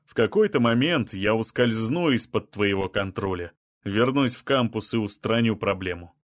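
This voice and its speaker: A male reader voicing a calm, blunt man from another kind of people, level and matter-of-fact even about killing. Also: on the low side, normal speed, no room sound, studio quality, natural voice. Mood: cold resolve.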